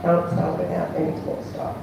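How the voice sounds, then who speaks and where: A woman's voice: on the low side, monotone, moderate pace, gravelly. Echoey woman bingo caller. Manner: formulaic chant, digit by digit then number. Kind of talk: bingo calling, announcing numbers. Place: large echoey bingo venue. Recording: echoey hall, distant mic, faint noise.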